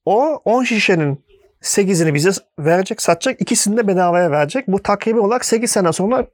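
A man's voice: high voice, expressive, fast, dry recording, studio quality. A man telling a long story in casual conversation, animatedly acting out the dialogue he quotes.

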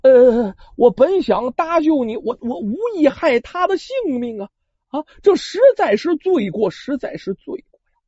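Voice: sits high, animated, moderate pace, dark tone, no room sound, pitched above the performer's own voice. A storyteller voicing a timid young man who stammers and hesitates, in a storytelling performance, on a dull lo-fi recording. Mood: remorseful.

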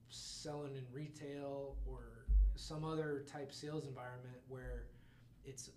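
A man's voice: mid-range voice, a little mellow, slight background noise. A man chatting casually on a podcast, rambling with many asides and laughs. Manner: rambling, lots of fillers and laughs. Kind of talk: casual chat. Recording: roomy echo, faint ambience.

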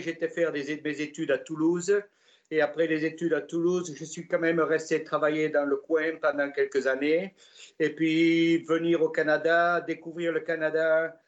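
A man in his sixties from southwest France tells his story with a Gascon accent. His voice sits fairly high and he talks in a relaxed, hesitant way, pausing often. The recording sounds slightly dull and muffled. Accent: Gascon French. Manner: relaxed, hesitant with many "euh" fillers. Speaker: interview guest. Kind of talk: casual storytelling.

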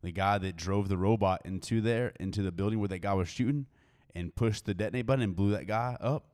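A man's voice: fairly low pitch, brisk, darkish tone. A man co-hosting a podcast, joking crudely in casual chat and restarting his sentences. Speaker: podcast co-host.

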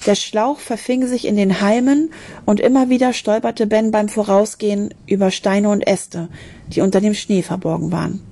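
A woman reads a children's story aloud, shaping the scenes with expressive delivery and the odd slip. Her voice is mellow and dark in tone, with a husky, breathy edge. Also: mid-range voice. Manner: expressive, with small slips and restarts. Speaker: narrator.

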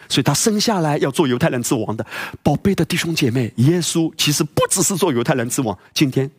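A man's voice: medium pitch, husky. A male pastor preaching a sermon, emphatic and full of rhetorical questions and exclamations.

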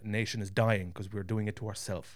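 A man's voice: lowish voice, steady tone, fairly quick. A man from County Kerry with a west of Ireland accent, chatting casually and bluntly with plenty of swearing. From County Kerry, southwest Ireland. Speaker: guest. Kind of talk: casual conversation.

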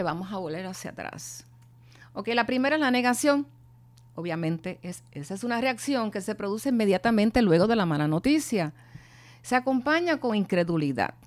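A middle-aged woman speaking earnestly and from the heart, telling her own story of grief with pauses and restarts. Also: mid-range voice, no room sound. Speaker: bereaved mother sharing her testimony. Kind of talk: personal testimony and talk on grief.

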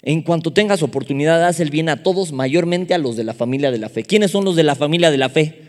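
Mexican male preacher, high voice, lively humorous storyteller, long hall echo. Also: brisk. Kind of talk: sermon.

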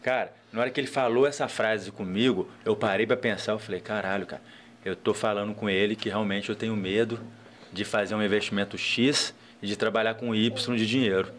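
A man's voice: fairly low pitch, a little fast, slight background noise. A man who is a guest entrepreneur, chatting casually on a podcast and telling stories with lots of fillers. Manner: animated storytelling, frequent "cara" fillers.

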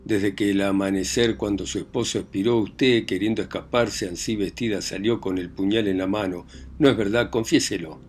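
A man's voice: on the low side, fairly even intonation, moderate pace, hardly any pauses, slight background noise, natural voice. A man reading aloud plays a stern, bullying village magistrate who interrogates and barks orders. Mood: furious. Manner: interrogating, commanding, shouting.

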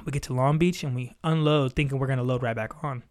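Fast-talking young man telling a story. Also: mid-range voice. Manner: animated, profane, acts out both sides of the exchanges. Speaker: podcast host. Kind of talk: casual storytelling chat.

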